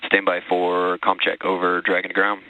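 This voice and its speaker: A man's voice: sits low, monotone, moderate pace. A man speaking as a launch director on astronaut radio, in procedural but collegial comm checks. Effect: radio transmission. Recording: tinny narrow-band radio link.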